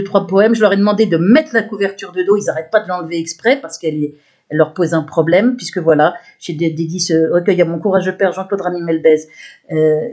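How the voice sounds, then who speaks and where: A woman poet speaking unscripted to her subscribers through a camera, rambling and aggrieved, with frequent restarts and repeated words. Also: mid-range voice. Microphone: camera built-in mic.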